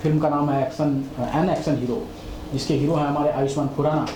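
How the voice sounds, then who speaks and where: A man's voice: on the high side, steady tone, fairly quick, warm tone, a little hiss or hum. A man hosting a casual film review chat who speaks hesitantly with many fillers, often murmuring agreement. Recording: echoey room.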